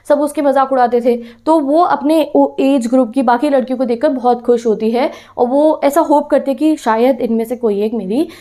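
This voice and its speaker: High, warm-voiced woman explaining a lesson. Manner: explains patiently, mixes English phrases, checks in with "theek hai". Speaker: English teacher. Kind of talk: chapter explanation for students.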